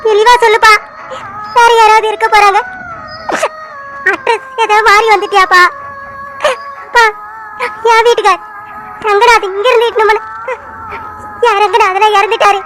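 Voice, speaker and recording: A woman's voice: very high-pitched, a bit bright, low-quality recording. A woman voicing a grieving village wife who wails and pleads through tears in a cartoon. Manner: wailing, pleading. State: crying.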